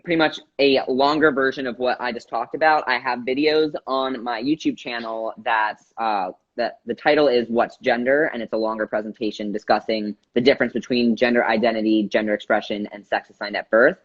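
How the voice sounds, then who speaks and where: Energetic young nonbinary educator on a call. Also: mid-range voice, fairly quick, few pauses, muffled recording. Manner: energetic, explanatory, laughs often. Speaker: co-host and educator. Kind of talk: casual conversation.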